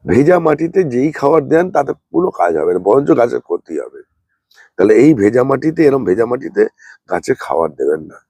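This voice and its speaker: A man, unwell, giving a slow, plain, repetitive gardening demonstration as a channel host. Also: medium pitch, sing-song, vocal fry, warm tone, breathy edge, dry recording. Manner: speaks slowly and plainly, repeating points.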